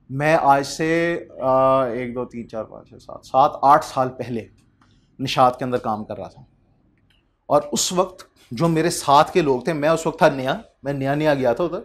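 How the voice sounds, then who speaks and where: In a slightly high voice, this thirty-something man from Pakistan gives an accountancy lecture with a chatty feel. He takes English passages at a slow pace and poses rhetorical questions to his students.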